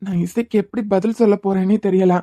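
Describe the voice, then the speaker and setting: A woman's voice: medium pitch, steady tone, fairly quick, warm tone, dry recording, close to an everyday voice. A woman voicing a worried, self-blaming young engineer in a cartoon series, with a Kanyakumari Tamil accent. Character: guilt-ridden worried young man, engineer.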